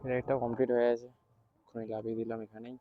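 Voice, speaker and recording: A man vlogging as a bike taxi rider, speaking quietly in casual chat while riding through city streets. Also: mid-range voice, level tone, rapid-fire, phone-quality sound. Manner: talks quietly because his mic distorts. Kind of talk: casual ride-along vlog chat. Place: outdoors on a scooter in city traffic. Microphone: action camera mic while riding. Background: wind and traffic noise.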